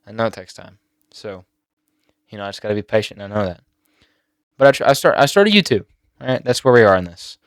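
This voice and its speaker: A teenage boy talking on his own channel, emotional and halting, near tears at times. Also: lowish voice, lively intonation, dry recording, clean studio sound. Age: teens. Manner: emotional, halting with many fillers and restarts. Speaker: YouTuber. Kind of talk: personal vlog talk.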